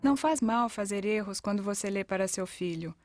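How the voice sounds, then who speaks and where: With a Brazilian accent, a woman narrates an educational parenting video, reading a scripted voice-over that includes testimonials. Her mid-range voice is brisk and darkish, with soft background music.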